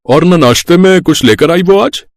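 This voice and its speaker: A fussy old father-in-law, voiced by a man, grumbling in a voice pushed well above his normal pitch. He sounds strained and complaining. The recording is dry and close. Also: animated, normal speed, no room sound.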